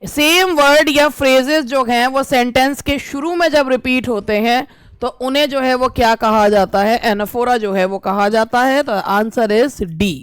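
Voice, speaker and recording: Slow, high-voiced woman teaching. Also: clean tone, no room sound. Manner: reads English questions slowly, explains in Hindi. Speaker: English literature teacher. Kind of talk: exam-prep lesson.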